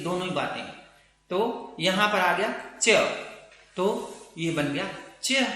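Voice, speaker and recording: A man teaching phonetics, his voice high and bright as he walks through each sound step by step. He keeps checking that his students follow him. The room is echoey, with a long reverb trailing every word. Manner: explains step by step with frequent checks like "theek hai na". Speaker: English teacher. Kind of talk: phonetics lesson.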